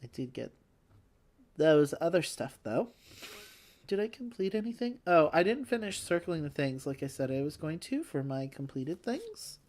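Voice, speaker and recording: A woman's voice: low-pitched, big pitch swings, normal speed, a little mellow. A woman hosting a casual board game play-along, chatty and self-deprecating, thinking aloud as she goes. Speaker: host.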